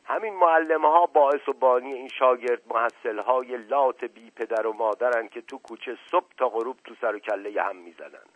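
A man's voice: hardly any pauses, dry recording, natural voice. A man voicing an old male household servant with a folksy, rambling way of talking, in a narrow tinny recording. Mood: confiding. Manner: folksy, rambling, raised high excited voice. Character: rustic old male servant, meddling and excitable. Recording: narrow tinny phone-like sound, dry.

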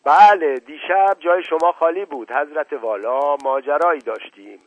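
A stubborn, self-important father makes his points with loud formality, as a male narrator puts him on. The voice is husky and dry. It comes through a tinny, narrow band like a phone line. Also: on the high side, no echo, pitched above the performer's own voice, natural voice. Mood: emphatic.

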